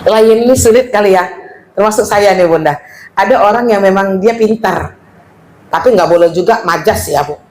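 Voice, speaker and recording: A woman with a big, powerful voice, from West Sumatra, giving a lively religious study talk to women, loud and playful and acting out quoted speech. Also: mid-range voice, moderate pace, a little hiss or hum, rough recording. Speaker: female Islamic teacher.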